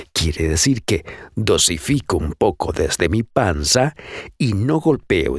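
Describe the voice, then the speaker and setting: A man's voice: lowish voice, no echo, studio quality. Stuffy-voiced man coaching voice technique. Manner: animated, demonstrates techniques aloud. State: has a head cold, stuffy. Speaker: podcast host and voice coach. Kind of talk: instructional podcast talk.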